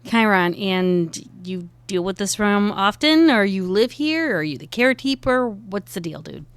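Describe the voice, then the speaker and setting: A woman's voice: mid-range voice, animated, moderate pace, clean tone, no echo. Sarcastic, blunt woman player. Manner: sarcastic, blunt, swears casually. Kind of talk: in-character tabletop role-play.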